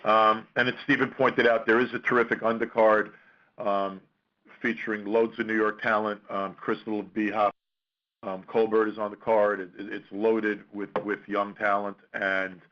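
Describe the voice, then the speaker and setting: A man hosting a press conference call, introducing speakers in a halting, measured way over a conference phone line. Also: fairly low pitch, flat delivery, bright, forceful tone. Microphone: telephone conference call.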